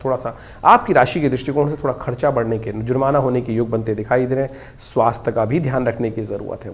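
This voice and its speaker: A man speaking as an astrologer, giving a horoscope talk in an explanatory, advising way. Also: fairly high pitch.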